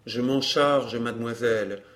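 A man reading a calm young gentleman in an audiobook, explaining in a measured way. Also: mid-range voice, lightly acted.

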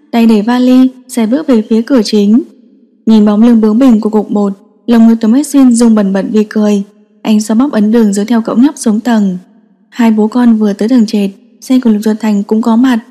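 A woman reading a story aloud as narrator, in steady scripted audiobook narration. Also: fairly high pitch, brisk. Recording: long reverb.

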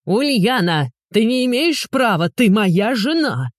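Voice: mid-range voice, sing-song, normal speed, no echo, studio quality, pitched above the performer's own voice, lightly acted. A reader voicing a grown man, a whining, demanding, pompous ex-husband, in an audiobook. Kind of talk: audiobook dialogue.

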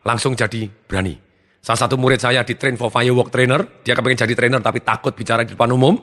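A man giving a motivational seminar talk, energetic and acting out his students' lines. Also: medium pitch, quick pace, long reverb tail. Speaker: motivational trainer.

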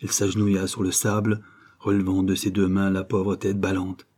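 A male audiobook narrator reads literary prose in a measured, dramatic way. His voice is low, dark and husky. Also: monotone.

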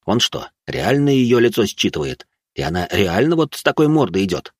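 A man's voice: fairly low pitch, very animated, normal speed, no echo. A man narrating an audiobook in the first person with dry, sardonic storytelling.

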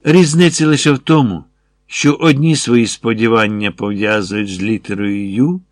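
A man narrating an audiobook in a measured, expressive reading. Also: fairly low pitch, no room sound.

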